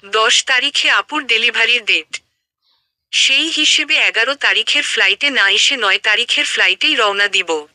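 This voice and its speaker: A woman's voice: a little high, normal speed, bright, forceful tone, dry recording. A woman voicing an affectionate, teasing young man talking to his fiancée on the phone in an audio story. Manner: playful, teasing.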